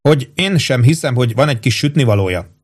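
A man's voice: medium pitch, expressive, slightly rough, pitched above the performer's own voice. A man reading an audiobook, voicing a stubborn army first sergeant who answers in a clipped, dry, grudgingly obedient way.

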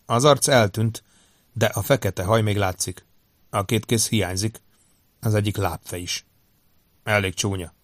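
A man reading an audiobook crime story as narrator, in a steady, even-toned way. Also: on the low side, pauses often, no echo, studio quality. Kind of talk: scripted narration.

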